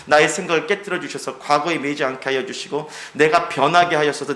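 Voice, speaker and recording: A man's voice: a little high, fairly bright tone. A middle-aged man preaching a sermon as pastor, emphatic and acting out the voices he quotes.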